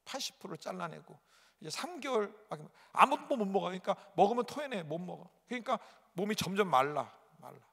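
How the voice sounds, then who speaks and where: A male pastor preaching a sermon, telling a personal story dramatically with sudden loud outbursts and repetition. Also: sits high, big pitch swings, fairly quick, vocal fry. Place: large church sanctuary. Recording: echoey church hall.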